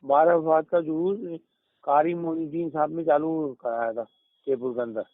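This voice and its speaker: A middle-aged man on a phone call tells long anecdotes and acts out what others said. He often stops and restarts. His fairly high voice comes through a dry, tinny line. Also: steady tone, moderate pace, no room sound. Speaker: caller. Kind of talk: casual phone conversation.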